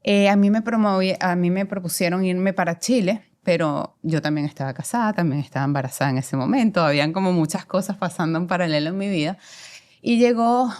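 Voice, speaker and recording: A woman in her forties with a Venezuelan Spanish accent talks fairly quickly in a fairly low, slightly mellow voice. As a commercial director guesting in a conversational interview, she reflects on her career, using a lot of fillers.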